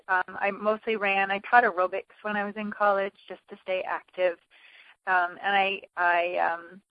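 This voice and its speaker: A woman's voice: medium pitch, no room sound. Hesitant woman coach on a phone line. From New England. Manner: hesitant, many fillers and restarts. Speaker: triathlon coach and swim coach. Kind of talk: phone interview.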